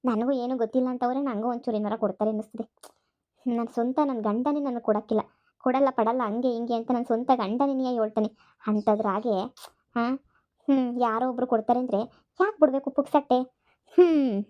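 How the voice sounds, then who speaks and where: A woman's voice: high voice, close to an everyday voice. A woman voicing a scheming, greedy mother in a cartoon comedy, nagging and wheedling. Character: scheming greedy rural mother, middle-aged.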